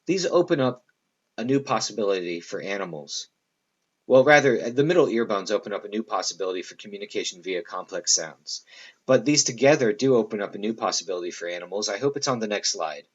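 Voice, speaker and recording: A man lecturing a class in a relaxed, rambling way, stopping for fillers and quick asides to the room. His voice sits a little low. The recording is dull and lo-fi. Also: slightly rough. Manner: loose, conversational, many fillers and asides to students.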